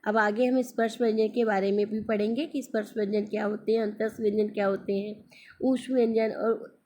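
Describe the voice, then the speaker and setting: A woman's voice: mid-range voice, level tone, a little fast, mellow, slight background noise. A woman teaching a grammar lesson to children, speaking patiently and calling her students "beta" as she asks questions and answers them herself. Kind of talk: screen-recorded classroom lesson.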